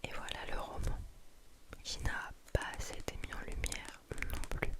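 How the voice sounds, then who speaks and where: A woman speaking in a soft, breathy library whisper, close to the microphone, as in an ASMR book recommendation. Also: normal speed.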